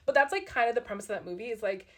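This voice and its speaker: This young woman talks very fast and animatedly, her fairly high voice carrying a fairly bright tone. As a podcast co-host in an attic, she's casual and self-deprecating in personal chat, dropping "like" constantly.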